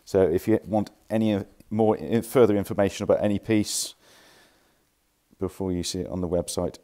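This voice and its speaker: A man with a deep, mellow voice talks at a moderate pace and a steady tone. He's a furniture dealer casually walking through the pieces in his warehouse, recorded on a handheld phone camera, keeping it chatty and informal and sometimes correcting himself.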